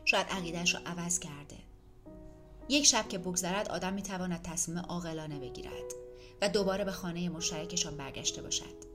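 A woman narrating an audiobook in an even, measured reading. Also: lowish voice, music in the background.

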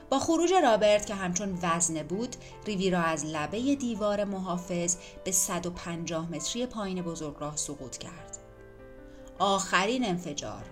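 A woman's voice: lowish voice, a bit bright. Woman narrating a dramatic audiobook. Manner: measured, dramatic storytelling. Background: faint music.

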